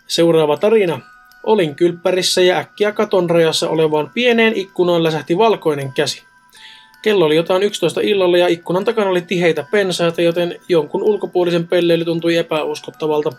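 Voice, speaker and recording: Over soft background music, a high-voiced man co-hosting a casual podcast reads listener ghost stories aloud. Between them he slips in wry jokes and asides.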